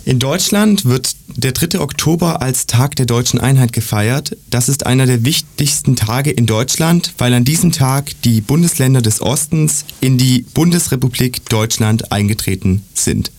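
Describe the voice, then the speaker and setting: A man's voice: mid-range voice, expressive, normal speed, hardly any pauses, a little mellow. Man reading a presentation plainly. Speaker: student presenter. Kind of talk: read-aloud presentation.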